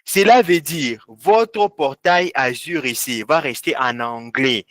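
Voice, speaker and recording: This instructor speaks slowly in a mid-range, slightly bright voice, with no echo. Leading a live online class, he points at the screen and guides students through the settings one step at a time, repeating the key terms over and over.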